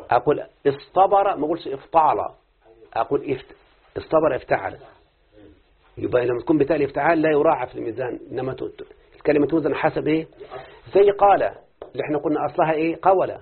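A man's voice: on the high side, husky. Egyptian man quizzing his class. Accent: Egyptian Arabic. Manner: lively, constantly quizzing students with rhetorical questions. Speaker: teacher of Arabic morphology. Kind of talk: classroom lesson. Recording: tinny lo-fi phone-like recording.

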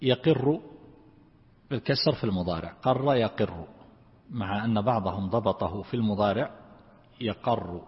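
A man teaching a lesson on Quran commentary, who explains slowly and repeats words to drill how their vowels are said. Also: fairly low pitch. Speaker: sheikh teaching Quran exegesis. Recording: lo-fi recording in a reverberant hall.

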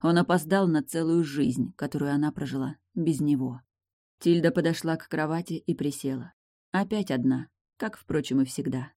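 A narrator reading an audiobook in a measured, even way. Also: mid-range voice, dry recording, studio quality. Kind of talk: scripted narration.

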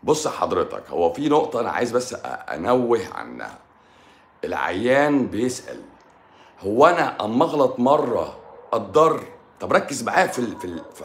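Here the same kind of speaker sits at a medium pitch, with reverb and a faint hiss or hum in the audio. He has an Egyptian Arabic accent and plays a doctor answering viewers on a casual livestream, teasing and blunt, occasionally muttering. He's picked up by a livestream microphone.

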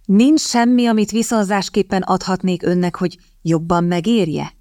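A woman's voice: on the low side, expressive, darkish tone, no echo, clean studio sound, lightly acted. A woman voicing a determined young woman in an audiobook, speaking in a coaxing, persuasive manner. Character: sharp, determined young woman seeking a husband.

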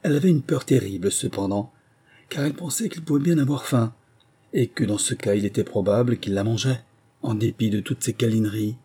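Give me a man reading a storybook aloud, warm and a little breathy. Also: mid-range voice, a little fast. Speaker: audiobook narrator. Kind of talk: scripted narration.

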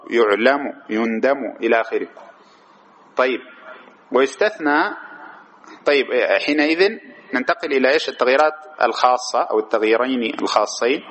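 A man with a mid-range, slightly bright voice teaches a grammar lesson. He keeps throwing quick rhetorical questions at his students and then answering them himself.

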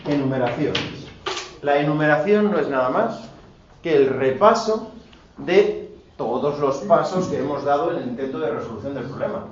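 A man's voice: fairly high pitch, lively intonation, moderate pace. A man teaching a philosophy class, lecturing with rhetorical questions and emphatic asides. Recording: roomy, distant, dull, faint noise.

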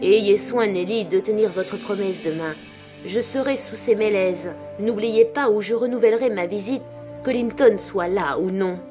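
A woman reading the part of a passionate, brooding man who speaks urgently and forcefully. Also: medium pitch, normal speed, over music, natural voice. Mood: fierce.

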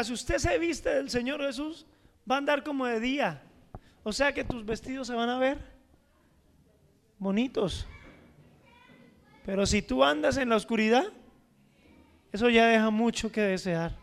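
A man preaching a sermon as pastor, asking the congregation questions and reading scripture slowly with stress, swinging from loud emphasis to a near-murmur. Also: extremely high pitch, creaky, big-room sound.

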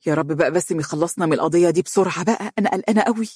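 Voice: medium pitch, very fast, darkish tone, dry recording, studio quality, natural voice. A narrator voicing a scheming, haughty young woman lawyer in Egyptian Arabic for an audiobook. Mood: curt. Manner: smooth, confident, haughty.

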